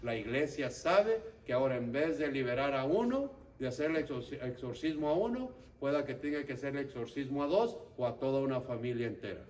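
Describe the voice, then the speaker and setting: A man's voice: medium pitch, animated, fairly quick, few pauses, a little mellow. A man teaching a church prayer group, instructive and often checking that listeners follow. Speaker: lay instructor of an intercession ministry. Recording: distant mic, faint background noise.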